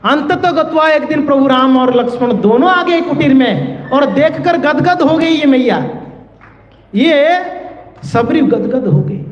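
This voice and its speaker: A man's voice: very high-pitched, lively intonation, measured pace. A man telling a devotional story as a sermon, acting out the dialogue in changing voices and slipping English words into his casual telling. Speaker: Bhagavatam storyteller. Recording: echoey hall, slightly dull sound.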